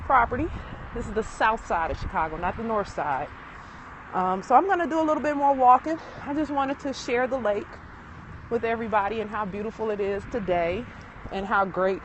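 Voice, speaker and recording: A woman's voice: mid-range voice, poor audio. A woman real estate agent chatting casually on a live-stream walk along a lakefront, rambling with fillers and a little out of breath. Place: outdoors by a city lakefront. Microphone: phone held while walking. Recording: outdoor phone recording with traffic noise.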